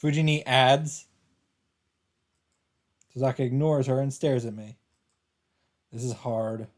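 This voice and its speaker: A man with a mid-range voice reads visual novel narration aloud at a slow pace while hosting a let's play. Game music plays faintly in the background.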